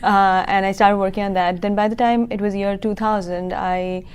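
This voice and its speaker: A woman's voice: mid-range voice, level tone, moderate pace, darkish tone, clean tone. A woman in her thirties from Kuwait, a school founder explaining her business in a local TV interview, earnest and full of fillers. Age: 30s.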